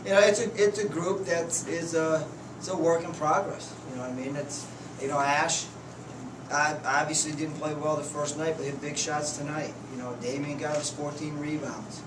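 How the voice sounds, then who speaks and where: A man in his fifties, a head coach giving plainspoken, halting postgame answers at a press conference table. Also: a little high, steady tone. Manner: plainspoken, halting, restarts often. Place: press conference room, indoors. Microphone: table mics, heard from a distance. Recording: echoey room, distant mic, noisy.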